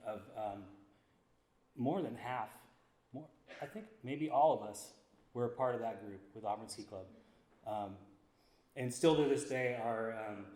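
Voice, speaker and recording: A man giving an acceptance speech on behalf of a group, speaking haltingly with many drawn-out ums. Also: medium pitch. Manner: halting, frequent long ums. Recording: echoey hall, faint noise.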